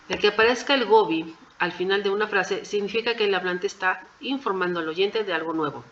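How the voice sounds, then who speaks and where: A Japanese language teacher with a mid-range, fairly bright voice goes through exam answers one at a time at a moderate pace. Patient and methodical, she keeps checking that her students are following. The recording is slightly dull and muffled, with a faint hum beneath.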